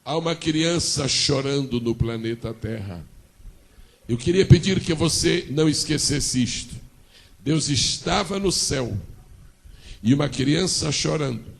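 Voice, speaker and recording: A man's voice: mid-range voice, gravelly. A male pastor with a Brazilian accent, preaching a sermon as a dramatic story and calling on the congregation to answer. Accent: Brazilian Portuguese. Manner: dramatic storytelling with call-and-response.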